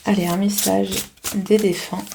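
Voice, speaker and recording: A woman doing a tarot reading, pausing often, restarting her sentences and reading oracle texts aloud. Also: mid-range voice, level tone, vocal fry, over music. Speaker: tarot card reader. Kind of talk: casual tarot reading to camera.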